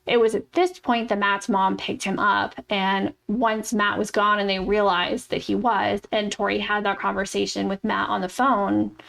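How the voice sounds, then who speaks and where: A woman's voice: medium pitch, little pitch movement, normal speed, creaky, hardly any pauses, a bit bright. A woman co-hosting a true crime podcast, telling the case in a blunt, casual way and swearing freely. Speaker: podcast co-host.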